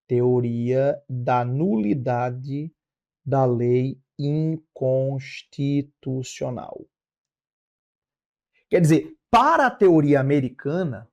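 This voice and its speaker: Speaking in a mid-range voice with a darkish tone, a Brazilian law instructor lectures didactically, restating important phrases in new ways and tacking on brief checks with the audience.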